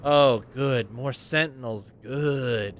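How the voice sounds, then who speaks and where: A man's voice: mid-range voice, slow, a little hiss or hum. A man giving casual let's play commentary, informally muttering reactions to the game as he plays. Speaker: gamer playing and commenting.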